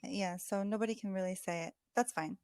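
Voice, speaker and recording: A woman's voice: mid-range voice, steady tone, brisk, darkish tone, no echo, studio quality. A woman tutoring English over a video call, chatting casually with lots of "like" and "um" fillers. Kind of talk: casual conversation practice.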